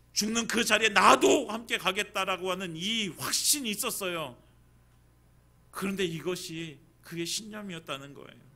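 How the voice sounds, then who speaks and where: A male pastor preaching a Sunday sermon in a church, swinging between hushed, intimate lines and loud, emphatic calls. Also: high voice.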